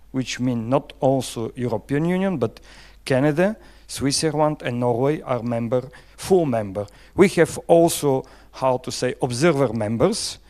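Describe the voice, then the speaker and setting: A man from Bulgaria speaking English with a Bulgarian accent, giving a conference presentation with halting phrasing and frequent fillers. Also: medium pitch, darkish tone.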